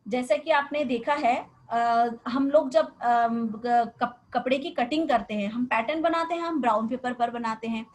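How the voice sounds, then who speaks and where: A woman's voice: on the high side, measured pace, hardly any pauses, poor audio. A woman teaching a class on garment terms with a Hindi accent. She explains step by step and often poses questions to her students.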